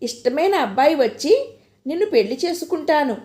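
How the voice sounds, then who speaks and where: A woman reading a novel aloud as an audiobook narrator, in expressive scripted narration. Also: high voice, fairly quick. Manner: expressive storytelling.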